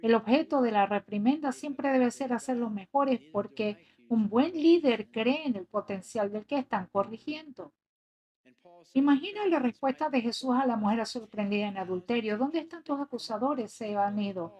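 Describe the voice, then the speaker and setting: A woman's voice: fairly high pitch, animated, moderate pace, dull audio. A woman giving an earnest voice-over translation of a sermon, reading scripture passages aloud. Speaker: sermon interpreter.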